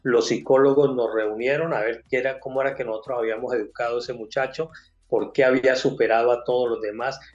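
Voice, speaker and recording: A man's voice: medium pitch, steady tone, fast talker, darkish tone, highs cut off. An older man with a Colombian accent, giving an emotional personal faith testimony and acting out the people in his story.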